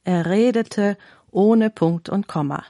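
A woman presenting a radio talk and reading a parable in a calm, clear, formal manner. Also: medium pitch, takes it slowly, dry recording, clean studio sound. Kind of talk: scripted storytelling reading.

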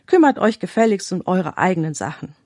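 A woman reading the lines of a talkative, quick-tempered turtle in a storybook tale, with an indignant, scolding manner. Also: on the low side, very animated, a little mellow, dry recording, studio quality. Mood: annoyed. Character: chatty hot-tempered turtle.

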